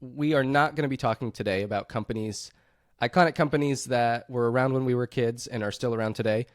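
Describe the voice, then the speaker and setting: A man co-hosting a casual podcast chat, relaxed and leading the talk, often laughing. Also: mid-range voice, fast talker, no room sound, studio quality. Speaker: podcast co-host.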